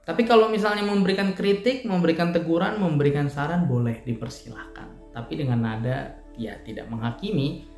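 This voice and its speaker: A man's voice: fairly high pitch, a little fast, a little mellow. A man giving a casual evening devotional talk in a church, explaining with everyday examples in a conversational way. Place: church room. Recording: echoey room with faint music.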